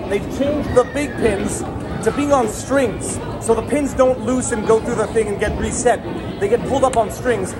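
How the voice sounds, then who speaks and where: A man's voice: extremely high pitch, moderate pace. A man in his thirties vlogging on a phone camera in a bowling alley, chatting and explaining his bowling technique. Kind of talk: casual vlog at a bowling alley. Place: large indoor bowling alley. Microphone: phone camera at arm's length. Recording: noisy bowling alley with music. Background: loud crowd and music.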